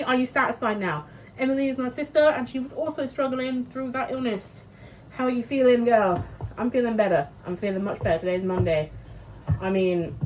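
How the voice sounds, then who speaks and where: A sniffly, congested British woman talks casually as she cooks in her kitchen, vlogging in a chatty, sweary way with lots of laughs. Her medium-pitched voice is a little mellow. The audio is poor, with slight background noise.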